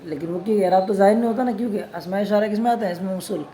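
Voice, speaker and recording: A man teaching a religious studies lesson on scripture grammar. He constantly puts questions to his students and answers them himself, reads Arabic passages slowly, and adds casual teasing asides. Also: high-pitched, warm tone.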